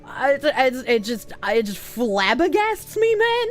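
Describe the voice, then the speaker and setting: A high-voiced woman streams casually to her chat, her pitch leaping about. She gushes and exclaims like an excited anime fan, and swears playfully. Faint music plays underneath. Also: a little slow. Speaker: live streamer.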